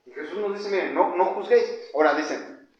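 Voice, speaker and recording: Guy preaching, kinda high voice, echoey church, dull lo-fi sound. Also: brisk. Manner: conversational preaching, addresses listeners as brothers, swings from loud to soft. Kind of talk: sermon. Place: church hall.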